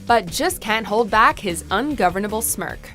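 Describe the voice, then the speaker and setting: A woman's voice: mid-range voice, expressive, normal speed, a bit bright, faint music behind. A woman reading scripted narration for a countdown video as its narrator.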